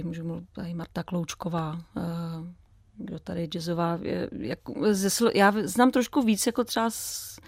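Young female jazz singer guesting on radio; monotone, lowish voice, hesitant, restarts often. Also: dry recording, studio quality. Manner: hesitant, many fillers and restarts. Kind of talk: casual radio interview.

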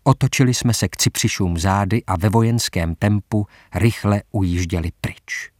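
A man narrating a story aloud in measured, even first-person storytelling. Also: lowish voice, dry recording, studio quality. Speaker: audiobook narrator.

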